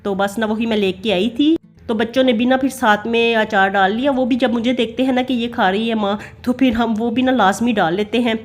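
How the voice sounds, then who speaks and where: A woman's voice: a little high, fairly even intonation, brisk, soft background music. A middle-aged woman with a Pakistani Urdu accent, chatting in a homely way as she narrates her family vlog. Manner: chatty, homely, many fillers. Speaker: family vlogger. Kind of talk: casual voice-over narration.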